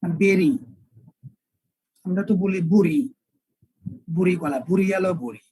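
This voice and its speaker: A male English teacher, lecturing an online class and spelling words out slowly with repeated examples. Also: high voice, warm tone, slightly rough, no echo, rough recording.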